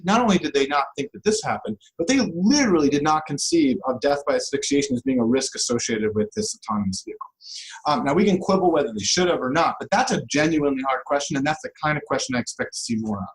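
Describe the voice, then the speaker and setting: A law professor, interviewed as an expert guest, speaks in a fairly high-pitched male voice on poor audio. He explains things informally and checks in with listeners through rhetorical questions.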